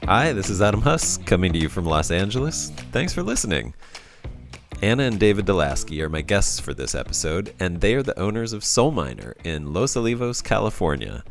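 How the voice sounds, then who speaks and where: A man's voice: deep voice, very animated, fairly quick, faint music behind. A man hosting a podcast, welcoming listeners and interviewing his guests with enthusiasm. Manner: enthusiastic, laughs often. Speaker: podcast host. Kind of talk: casual interview.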